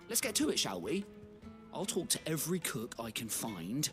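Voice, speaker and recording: A wry, thoughtful uncle. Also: male voice, medium pitch, wildly swooping pitch, moderate pace. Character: wry, practical older male craftsman uncle. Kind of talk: video game voice acting. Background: game music.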